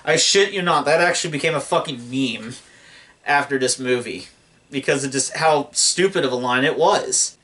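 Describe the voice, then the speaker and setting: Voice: medium pitch, normal speed, a bit bright. A young adult movie reviewer ranting in disbelief and swearing often while talking through a film. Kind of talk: profane film review commentary.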